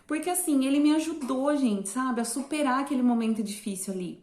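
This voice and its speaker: A woman's voice: high voice, brisk, darkish tone. A Brazilian woman telling her viewers a personal story in a chatty way. She keeps turning to her audience and trails off into fillers. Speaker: vlogger. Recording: roomy echo.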